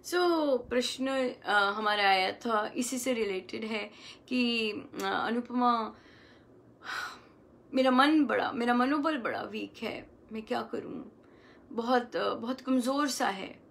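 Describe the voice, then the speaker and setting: A woman giving a gentle devotional talk as a spiritual teacher, coaxing and affectionate, often checking in with her listeners. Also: on the high side, takes it slowly, creaky. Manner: gentle, coaxing, acts out loving self-talk.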